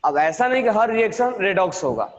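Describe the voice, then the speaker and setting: A man teaching chemistry in a classroom lecture, with terms, repeating key words slowly and quizzing his students. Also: sits high, big pitch swings, big-room sound, muffled recording.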